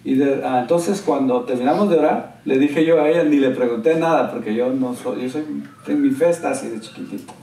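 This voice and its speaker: A male pastor delivering a sermon, telling stories with lively, animated quotes of others. His voice sits at a middle pitch and carries the echo of a large room. He is heard from some distance off the mic, with faint ambient noise behind him. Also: fairly quick. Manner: animated storyteller, quoting others with raised excited voice. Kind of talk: sermon with storytelling. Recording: roomy church sound, from a distance.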